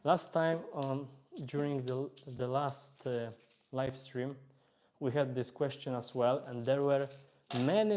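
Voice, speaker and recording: Relaxed Polish-accented man on a live stream. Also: mid-range voice, slight background noise. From Poland. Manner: relaxed, chatty, reads chat aloud, hesitant fillers. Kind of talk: casual live-stream chat while playing.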